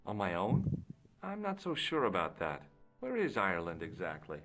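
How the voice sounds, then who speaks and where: A man's voice: sits low, huge pitch swings, moderate pace, fairly bright tone, faint music behind, heavily acted. A man voicing a curious young American investigator in a video game, wry and probing, with dry narrating asides.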